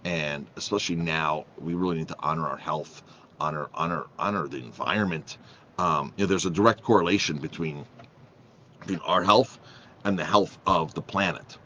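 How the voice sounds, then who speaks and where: A man's voice: extremely low pitch, moderate pace, pushed and bright, slight background noise. A man who is a chef and restaurant owner, talking casually and emphatically to the camera, repeating phrases and restarting often. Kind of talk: casual vlog talk.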